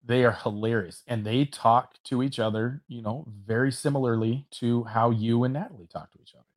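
A man's voice: mid-range voice, steady tone, fairly quick. A man co-hosting a podcast, chatting in a loose, amused way and often restarting his sentences. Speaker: podcast co-host. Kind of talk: casual podcast banter.

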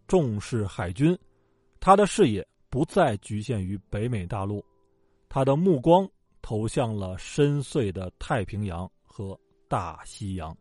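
A man's voice: medium pitch, mellow, no echo. A man telling history in a casual, joking storytelling way, with colloquial asides. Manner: colloquial and joking, with acted quotes. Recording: dry close mic with faint background music.

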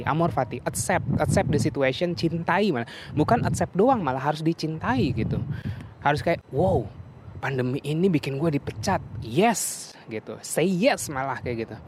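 A man's voice: medium pitch, noisy background. A young man with a Jakarta slang accent, casually musing in a monologue, chatty with many fillers and restarts.

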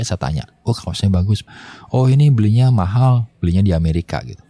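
Low, mellow-voiced middle-aged man. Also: no echo. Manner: reflective, chuckles often between thoughts. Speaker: podcast host. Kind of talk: casual storytelling monologue.

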